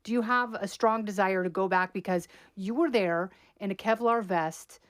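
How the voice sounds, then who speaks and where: A woman hosts a podcast interview, putting direct, probing questions to her guest. Her voice is mid-pitched and sounds close and dry, with no echo around it. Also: moderate pace. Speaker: podcast host.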